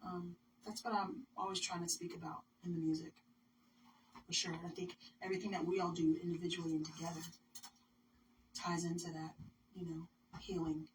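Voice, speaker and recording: A woman musician guesting on a radio show, speaking earnestly and thoughtfully, her phrases trailing off softly. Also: lowish voice, little pitch movement, a little fast. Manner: earnest, thoughtful, drops to near whisper at phrase ends. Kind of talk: reflective interview talk. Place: radio studio. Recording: distant mic with background noise.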